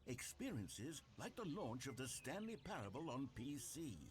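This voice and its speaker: A theatrical male video game narrator, played by an actor, wry and needy. His pitch moves in lively sweeps as he speaks to the player with pompous melodrama. There is faint noise behind the voice. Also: moderate pace, close to an everyday voice. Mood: nostalgic.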